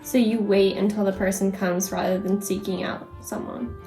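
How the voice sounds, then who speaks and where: A woman's voice: medium pitch, fairly even intonation, normal speed, warm tone, faint music behind. A young woman in casual chat, asking questions and teasing in a dry way. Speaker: co-host.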